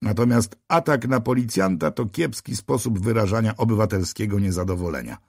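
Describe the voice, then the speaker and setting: A man's voice: fairly low pitch, lively intonation, fairly quick, vocal fry, slightly rough, dry recording, studio quality, heavily acted. A man voicing a tired, heavyset male police officer near fifty in an audiobook, matter-of-fact and a little sardonic. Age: middle-aged. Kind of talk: audiobook character voice.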